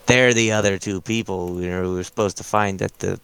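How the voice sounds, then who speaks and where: A man's voice: sits low, fairly even intonation, a little fast, gravelly, fairly bright tone, clear, resonant tone, no echo. A man playing a tabletop game, chatting casually and joking. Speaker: player.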